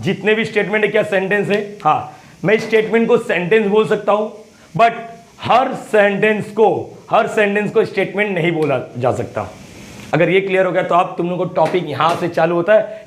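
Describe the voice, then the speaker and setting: Man, high-pitched, math teacher, repeats questions, casual street talk mixed with English terms. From Mumbai, India. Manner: repeats questions and prods students to answer. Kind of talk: lively classroom-style lecture.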